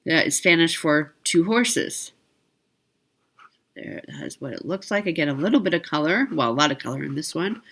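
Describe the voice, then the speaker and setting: Bright-voiced woman, chatty host. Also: deep voice, animated, normal speed. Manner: chatty, self-correcting, informal asides. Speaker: host of a needlework shopping video. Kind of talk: casual product showcase narration.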